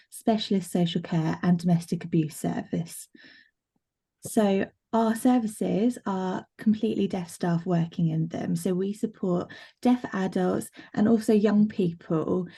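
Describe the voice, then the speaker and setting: A woman interpreting a live presentation aloud over a video call, plain and explanatory, in halting phrases. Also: lowish voice, gravelly, dark tone, husky. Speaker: sign language interpreter voicing a presenter.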